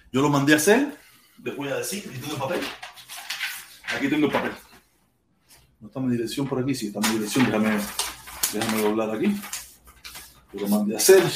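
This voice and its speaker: Animated Cuban man ranting live. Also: medium pitch. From Cuba. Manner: animated, exclaiming and repeating himself. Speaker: podcast host. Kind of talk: casual live-stream rant. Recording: echoey room.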